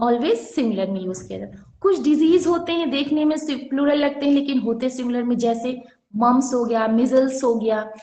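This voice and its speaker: Woman grammar teacher, high voice, online class, keeps asking students questions, echoey room. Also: warm tone. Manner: explains with repeated rhetorical questions.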